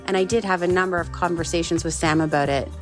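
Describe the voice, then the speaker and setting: A woman giving a first-person voice-over interpretation of a signer's words, in a calm, measured delivery. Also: fairly low pitch, faint music behind. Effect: interpreter's voice-over translating sign language. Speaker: sign language interpreter.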